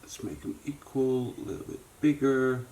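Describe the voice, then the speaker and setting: With noise in the background, a channel host and repair technician talks casually through a hands-on fix at normal speed, his voice mid-range. He isn't scripted, just thinking aloud and muttering to himself while working.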